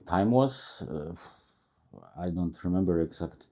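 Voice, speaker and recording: Deep-voiced Polish man, halting English. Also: lively intonation, dark tone. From Poland. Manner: halting non-native English with restarts. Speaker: guest tattoo artist. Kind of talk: casual interview. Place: tattoo shop.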